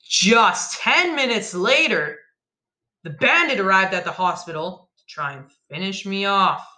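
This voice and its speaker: Bright-voiced dramatic storyteller. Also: mid-range voice, unhurried. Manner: emphatic, shifts from flat telling to loud outbursts. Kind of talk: dramatic first-person story narration.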